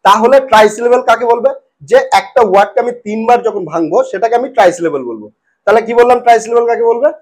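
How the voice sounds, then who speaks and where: A man with a high voice, an English teacher, gives a spoken lesson, repeating words slowly and checking in frequently.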